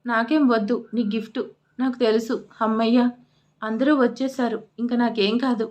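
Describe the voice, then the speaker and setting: A jittery young male assistant, as a woman narrator puts him on in an audio storybook. He pleads and overreacts in comic panic, in a slightly high voice. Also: flat delivery, normal speed, darkish tone, natural voice. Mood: panicky.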